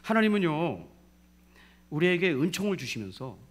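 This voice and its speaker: A middle-aged man with a Jeolla Korean accent preaching a sermon, calling out for amens and swinging from loud to hushed. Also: a little high, big pitch swings, normal speed. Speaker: pastor.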